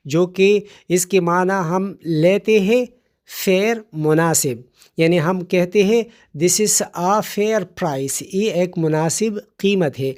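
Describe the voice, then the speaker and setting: A man's voice: high voice, a little mellow. A man giving a vocabulary lesson, explaining words patiently, spelling them out letter by letter and repeating them. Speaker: vocabulary teacher.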